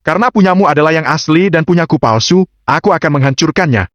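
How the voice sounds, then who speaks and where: A man voicing a calm, confident young man who speaks with cool, mock politeness in an audiobook. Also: on the high side, fast, dry recording, pitched above the performer's own voice, lightly acted. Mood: mock-polite. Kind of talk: audiobook character voice. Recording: dull, dry lo-fi recording.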